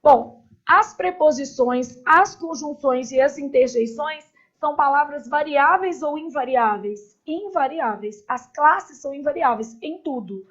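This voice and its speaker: A woman's voice: high voice, unhurried, muffled recording. A woman teaching a grammar class in a casual, chatty way, with joking asides and constant "né?" tags.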